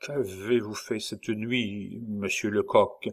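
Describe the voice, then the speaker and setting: A man voicing an earnest, cautious young male Alsatian worker in an audiobook, speaking quietly and guardedly. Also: fairly low pitch, measured pace, close to an everyday voice. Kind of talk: audiobook character voice.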